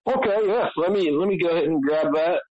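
A man on the phone as a caller, talking hesitantly, repeating his words and reading numbers out slowly. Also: a little high, a little mellow, muffled recording.

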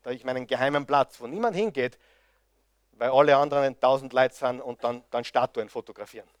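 A man's voice: mid-range voice, a little fast, no echo. A man preaching a sermon, impassioned and firing rhetorical questions at his audience.

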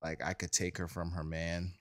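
A man's voice: deep voice, flat delivery, normal speed, fairly bright tone. A man co-hosting a podcast in casual chat, playful and stammering. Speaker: podcast co-host.

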